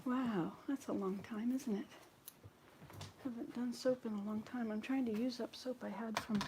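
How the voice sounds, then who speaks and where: A woman's voice: on the high side, steady tone, normal speed, warm tone, a little hiss or hum. Chatty woman in her sixties vlogging chores. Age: 60s. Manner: chatty, rambling, talks to viewers while doing chores. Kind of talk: casual chat while cleaning house. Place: home indoors.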